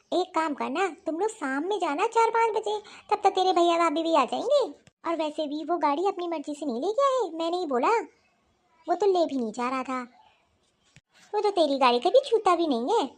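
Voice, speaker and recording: A woman voicing a stubborn, nagging middle-aged mother-in-law in a cartoon story. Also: very high voice. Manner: scolding, dismissive. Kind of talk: cartoon voice acting.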